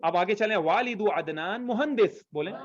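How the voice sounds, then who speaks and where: A man's voice: sits high, expressive, dull audio. A man teaching an online language class, patiently repeating phrases for students to copy. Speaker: Arabic teacher.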